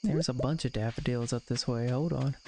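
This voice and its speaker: A man's voice: mid-range voice, fairly quick, darkish tone, a little hiss or hum. A man playing a farming game and commenting casually, joking and muttering to himself, over game music. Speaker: gaming streamer.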